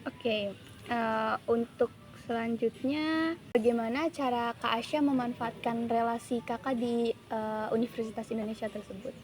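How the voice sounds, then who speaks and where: A woman's voice: on the high side, steady tone, unhurried, darkish tone. Hesitant woman asking interview questions. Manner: hesitant, with many fillers. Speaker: student interviewer.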